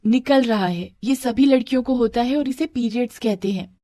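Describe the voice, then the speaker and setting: A woman voicing a gentle, poor schoolgirl who speaks softly and pleadingly. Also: on the high side, normal speed, no echo, studio quality, pitched above the performer's own voice, natural voice. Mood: earnest. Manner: soft, pleading, pained.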